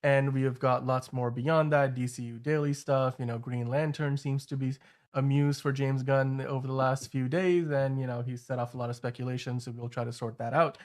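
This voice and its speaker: A male show host delivers casual news commentary in a middle-pitched voice. He talks loosely and conversationally, wandering into asides as he goes. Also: steady tone, moderate pace, a little mellow.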